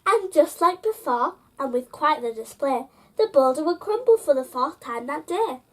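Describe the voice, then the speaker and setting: Reading a bedtime picture book at a moderate pace, this high-voiced woman tells the story with expressive, sing-song rhythm that follows the rhymes. She talks directly to the children listening.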